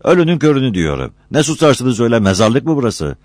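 A man plays a boisterous young village joker in a storybook reading, loud and pitched up. He sounds teasing and lively. The recording is dry and close. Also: brisk, no echo, close to an everyday voice. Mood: rowdy. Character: joking rowdy young male village barber.

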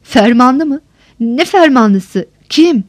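A woman's voice: sits high, animated, takes it slowly, no echo, clean studio sound. A woman voicing a frightened, beaten old male steward who pleads and rambles on. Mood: confused. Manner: whining, long-winded pleading.

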